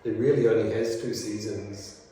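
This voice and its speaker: A man from New Zealand talks through his answers in an easy, meandering way, full of ums and restarts, his voice low and mellow. He sounds set back from the mic in an echoey school room with a faint hum around him. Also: moderate pace, distant mic. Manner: relaxed, rambling, many fillers. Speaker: teacher. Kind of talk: casual interview answers.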